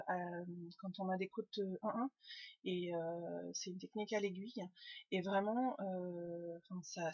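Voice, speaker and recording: A woman's voice: mid-range voice, a little mellow, slightly rough, no room sound, muffled recording. A woman hosting a knitting podcast, chatting casually to her webcam at home, rambling with lots of fillers and restarts. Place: home room.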